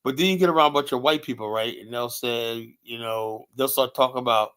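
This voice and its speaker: A man giving heated political commentary as a streamer host, blunt and repetitive, filling pauses with "you know" and mocking others by quoting them in put-on voices. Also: medium pitch, a bit bright, smooth.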